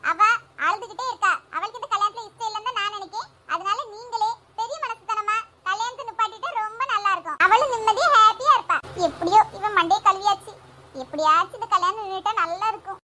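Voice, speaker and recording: A woman's voice: extremely high pitch, quick pace. A woman playing a scheming young female friend who meddles with sly asides, in a village comedy skit. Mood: persuasive. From Tamil Nadu. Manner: pleading then sly asides. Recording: loud background noise.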